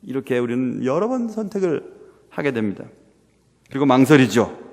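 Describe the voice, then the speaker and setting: A young man preaching a sermon as pastor, earnest and full of rhetorical questions, sometimes dropping to a hush. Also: medium pitch, big pitch swings, moderate pace. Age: young adult. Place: church sanctuary. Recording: long reverb of a church hall.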